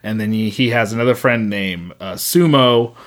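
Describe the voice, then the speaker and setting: A man's voice: fairly low pitch, normal speed. A man co-hosting a podcast in casual chat, rambling with many fillers and restarts. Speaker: podcast co-host.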